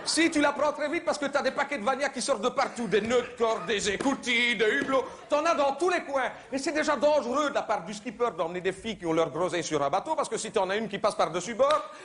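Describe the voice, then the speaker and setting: A man doing live stand-up comedy, mocking and conversational, now and then shouting in put-on voices. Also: extremely high pitch, lively intonation, quick pace, hardly any pauses. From Belgium. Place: theater stage before a live audience. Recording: live show recording with crowd noise. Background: audience laughter and applause.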